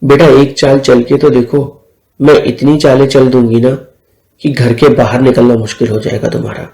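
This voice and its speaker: A man's voice: medium pitch, level tone, normal speed, vocal fry, dark tone, close to an everyday voice. A man reading a fiery bossy older sister. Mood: scolding. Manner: scolding, threatening. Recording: echoey room with faint music.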